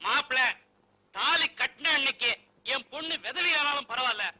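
An actor playing a loud, blustering older father-in-law who shouts and threatens. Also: very high-pitched, moderate pace, heavily acted, poor audio. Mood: threatening.

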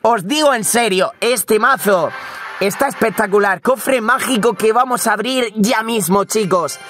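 Excitable young gaming commentator man. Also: high-pitched, measured pace, faint music behind. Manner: excitable, frequent shouting and repeated words. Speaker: gaming streamer. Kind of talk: live gameplay commentary.

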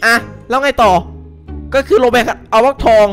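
A young man giving excitable, casual co-op game commentary, yelping and laughing often. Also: very high voice, normal speed. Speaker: gaming YouTuber. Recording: music playing behind.

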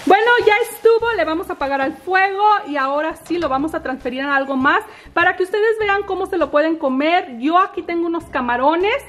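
A woman's voice: very high-pitched, lively intonation, a little fast, few pauses, fairly bright tone. A woman in her thirties hosting a casual cooking vlog from her home kitchen, chatty and upbeat as she talks straight to viewers. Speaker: cooking channel host.

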